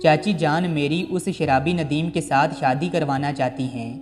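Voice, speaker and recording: A man's voice: on the high side, fairly even intonation, normal speed, lightly acted. A tearful, mistreated young woman, as a male storyteller reads her lines. Her pleading words sit in a long reverb over background music.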